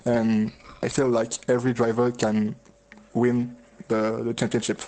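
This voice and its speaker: A man gives a casual post-race interview. He searches for his words haltingly, with little pitch movement at an average male pitch. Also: monotone, a little mellow. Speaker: racing driver being interviewed.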